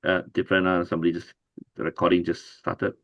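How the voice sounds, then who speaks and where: A man with a very low voice hosts an online writing class. He introduces people in an easygoing way with lots of fillers. The sound is dull and dry, close and lo-fi. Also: level tone, fast, a bit bright, dry recording. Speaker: course host and writing coach.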